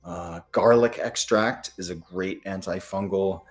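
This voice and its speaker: A low-pitched American man from the Midwest gives health advice as a doctor in an informal question-and-answer format. He speaks haltingly, pausing between phrases.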